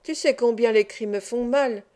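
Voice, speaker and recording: A woman with a slightly high, mellow, natural voice reads an audiobook at normal speed. She voices a sly, cruel middle-aged man who exploits children as their master, speaking in a honeyed, mocking tone broken by sudden threats.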